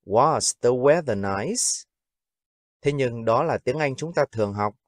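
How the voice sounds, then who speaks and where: A man with a Vietnamese accent teaching English phrases, repeating each one slowly and deliberately. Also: medium pitch, animated, dry recording, clean studio sound.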